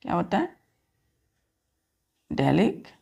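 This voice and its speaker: A woman's voice: fairly low pitch, wildly swooping pitch, measured pace, vocal fry, dark tone, slightly rough. A woman teacher giving a vocabulary lesson, spelling words out letter by letter and asking questions of her students.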